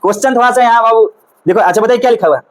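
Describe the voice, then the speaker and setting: A man's voice: extremely high pitch, very fast, rough recording. A man teaching a reasoning class with a Bihari Hindi accent, repeating questions and coaxing his students toward each answer.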